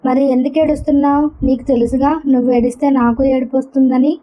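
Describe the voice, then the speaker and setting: A woman voicing a gentle, worried grandmother in a read-aloud story, speaking in a soothing, tender way. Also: high voice, little pitch movement, a little fast. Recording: dull lo-fi recording.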